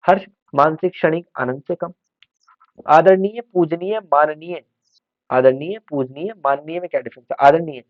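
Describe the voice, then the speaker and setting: A man's voice: on the high side, no echo. A male teacher giving an exam-prep lesson, explaining terms and repeating words to drill them. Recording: dry, tinny phone-like sound.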